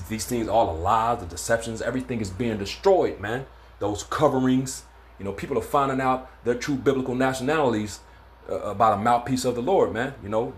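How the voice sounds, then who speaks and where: Man, casual scripture teacher, loose and rambling, fills pauses with "uh" and "man", mid-pitched voice. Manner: laid-back, stumbling, many fillers and "man". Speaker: religious teacher. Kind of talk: informal scripture lesson.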